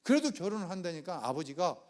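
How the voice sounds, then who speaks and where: A man preaching a sermon as pastor, telling a story and acting out the people's quoted lines with changing loudness. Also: sits high, big pitch swings, fast. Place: church sanctuary.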